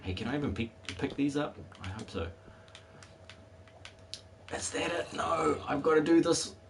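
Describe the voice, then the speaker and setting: A man's voice: fairly high pitch, lively intonation, normal speed, vocal fry, background noise. A man in his forties chatting casually while streaming a game, rambling and laughing easily, his voice still a bit worn from a cold. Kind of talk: casual chat while gaming.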